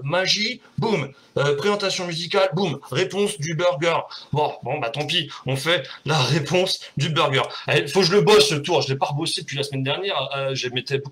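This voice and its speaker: A man's voice: on the high side, bright, forceful tone. A man hosting a casual home live show, chatty and self-mocking, talking to viewers while doing a card trick and swearing freely.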